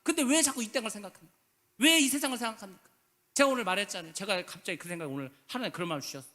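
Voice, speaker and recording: Fast, bright-voiced man preaching in a reverberant hall. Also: sits high, animated. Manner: emphatic, rhetorical questions, casual speech endings. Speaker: pastor. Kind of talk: sermon. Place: church sanctuary.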